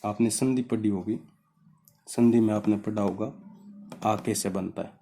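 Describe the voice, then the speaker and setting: A man's voice: on the low side, steady tone, unhurried, warm tone, slight background noise. A man teaching a grammar lesson, explaining step by step and putting questions to his students.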